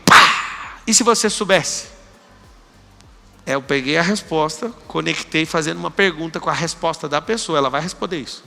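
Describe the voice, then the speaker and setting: A Brazilian man gives a motivational talk to a live audience with commanding energy, and he acts out little exchanges with his students. His voice sits high and has a gravelly edge. It rings out with a long reverb through the large hall. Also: fairly quick, pushed and bright, soft background music. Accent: Brazilian Portuguese. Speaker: motivational speaker.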